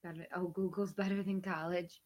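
Sick and losing her voice, this livecast host in her thirties chats casually, rambling and laughing and now and then falling to a whisper. She speaks a little fast with a fairly low, darkish voice and a flat delivery.

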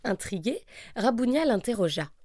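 A woman narrating a children's story, expressive and lively. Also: fairly high pitch, normal speed, no room sound, studio quality. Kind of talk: storybook reading.

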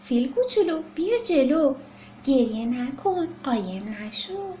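A woman's voice: sits high, very animated, warm tone, slight background noise. Woman voicing a cheerful kind dentist. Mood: gentle. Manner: cheerful, reassuring. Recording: roomy echo.

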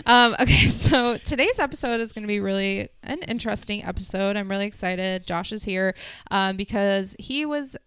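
A woman's voice: medium pitch, normal speed, fairly bright tone, clear, resonant tone, no room sound. Upbeat woman podcast host. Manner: upbeat, chatty, with fillers. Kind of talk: casual podcast chat.

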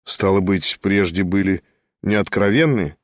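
A detached, icy nobleman, played by a male reader speaks in a lowered, restrained voice. His replies are short and unhurried. The sound is close and dry. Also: no room sound. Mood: cold, curt. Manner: cold, restrained, curt. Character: cold, calm, aloof young nobleman.

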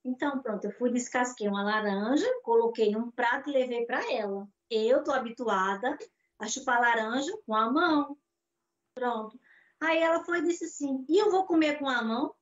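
High-voiced Brazilian woman telling a story. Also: normal speed. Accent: Brazilian Portuguese. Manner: animated storyteller acting out dialogue. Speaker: guest. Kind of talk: storytelling interview over video call. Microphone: video call mic. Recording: dull lo-fi call audio.

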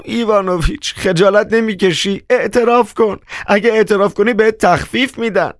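A shrill, scolding middle-aged housewife, as a male narrator puts her on, with hurried, pleading lines in a raised falsetto. The audiobook recording is dry and close. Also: no echo, natural voice.

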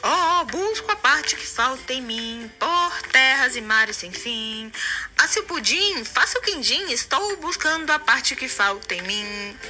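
An eager, wistful little storybook creature , acted out by a woman, searching and exclaiming in expressive singsong. The voice is very bright and fairly high, with music underneath. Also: unhurried, heavily acted. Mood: wistful singing. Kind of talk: storybook character voice.

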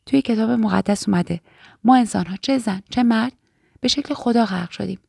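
A woman's voice: fairly high pitch, vocal fry, darkish tone, husky, no room sound, clean studio sound, heavily acted. An earnest, fearful young woman, read by a woman. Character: anxious, devout young woman.

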